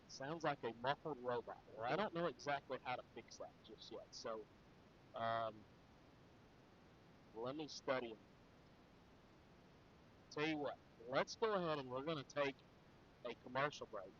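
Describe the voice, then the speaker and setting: A man's voice: mid-range voice, measured pace, long pauses, a bit bright, a little hiss or hum. Man with a muffled, dull-sounding voice. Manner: chatty, with frequent fillers and restarts. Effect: muffled, dull sound, as if through a wall. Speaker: sports broadcast host. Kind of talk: live pregame chat and sponsor reads.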